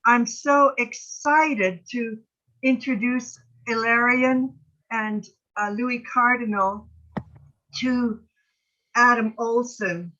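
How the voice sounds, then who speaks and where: A woman in her late seventies speaking with missing front teeth, chatting effusively and haltingly on an online call. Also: a little high, fairly even intonation, pushed and bright. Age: late 70s. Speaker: participant in an online gathering. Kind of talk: casual video-call chat. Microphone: video call microphone. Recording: muffled, band-limited online call audio.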